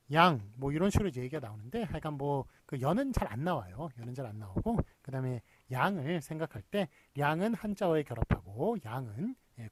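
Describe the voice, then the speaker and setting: A man's voice: mid-range voice, a little mellow, slightly rough, dry recording. A man lecturing in a recorded university class, explaining step by step with frequent fillers.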